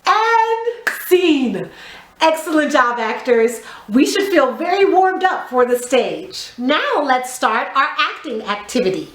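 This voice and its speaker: In an echoey, roomy space, a high-pitched, animated woman teaches theatre to children. She leads exercises and explains them with clear step-by-step instructions, encouraging the kids and counting emphatically.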